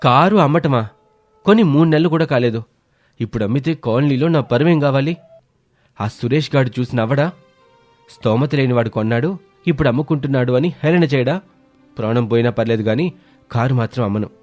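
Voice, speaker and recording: A man voicing a stubborn, status-obsessed young husband in an animated story. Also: medium pitch, a little fast, long pauses, faint music behind, lightly acted. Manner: stubborn, boastful.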